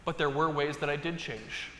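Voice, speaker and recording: A bright, slightly high-voiced man in his thirties preaches a homily in a large church. He tells stories in a relaxed, conversational way with touches of humor. His voice rings through the hall with a long reverb. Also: normal speed. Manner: conversational storytelling with light humor. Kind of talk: sermon.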